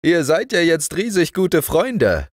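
A man's voice: on the high side, very animated, slow pace, dry recording, pitched above the performer's own voice, heavily acted. Man playing a kindly old doctor, raised cheerful voice, storybook, dry sound. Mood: pleased.

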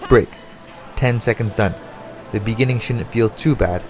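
A man's voice: fairly low pitch, measured pace, background noise. A man working as a boxing coach, calling out combinations and timing cues in short, motivational commands. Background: music.

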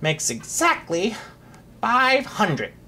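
A reader voicing a tired old knight who counts quietly and wearily. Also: medium pitch, wildly swooping pitch, very slow, voice pushed up, heavily acted. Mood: weary. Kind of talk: storybook read-aloud.

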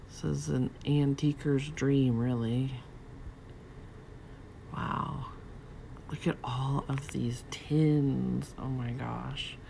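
A woman vlogger and reseller casually narrating as she browses an antique store, softly marveling and sometimes dropping to a whisper. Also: extremely low pitch, creaky, slight background noise. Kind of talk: casual shop-along narration. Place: cluttered indoor antique store.

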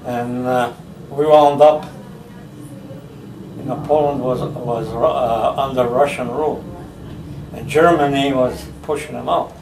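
Recorded on home video by a camera mic across the living room, an elderly man born in the US recalls his early years from a recliner. His mid-range voice holds fairly even intonation, and his storytelling is slow and halting with many pauses. Background noise is audible, and the sound is roomy and distant.

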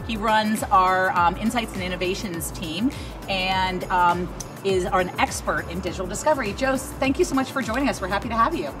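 A woman's voice: medium pitch, moderate pace, over music. Upbeat woman hosting from a distance. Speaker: co-host. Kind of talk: corporate interview hosting. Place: outdoor urban courtyard. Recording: distant from the mic, outdoors.

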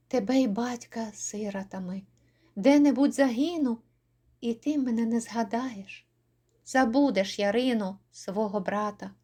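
A woman voicing a young Cossack man who speaks to his beloved softly and earnestly. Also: a little high.

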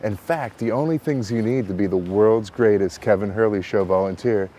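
Guy hypnotist pitching his show outdoors, lowish voice, bit far from mic, noisy. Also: normal speed. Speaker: stage hypnotist. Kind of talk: promotional talk to camera. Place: outdoors in a leafy park. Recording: distant mic, clear background noise.

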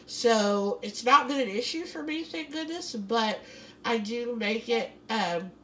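A woman's voice: fairly high pitch, expressive, unhurried, sharp tone, slight background noise, low-quality recording. A woman narrating a casual grocery haul vlog from her kitchen, rambling with lots of fillers and laughter. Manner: chatty, rambling, laughs often, many fillers. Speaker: vlogger. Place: home kitchen.

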